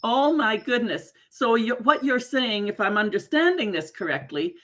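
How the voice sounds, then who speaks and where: A woman hosting an interview in a conversational, expressive way, reflecting back what she hears. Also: fairly high pitch, normal speed. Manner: expressive, exclaiming, paraphrases back. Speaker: interview host and coach.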